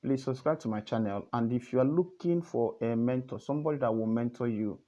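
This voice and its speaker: Earnest male tutor, repetitive and coaxing, warm dark tone on a dull lo-fi recording. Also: mid-range voice, brisk. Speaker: trading tutor. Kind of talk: casual screen tutorial.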